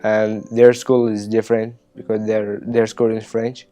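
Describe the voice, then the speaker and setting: Flat, dark-voiced young immigrant student. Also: male voice, fairly low pitch, unhurried. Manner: hesitant, simple non-native English. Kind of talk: interview testimonial. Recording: soft music bed underneath.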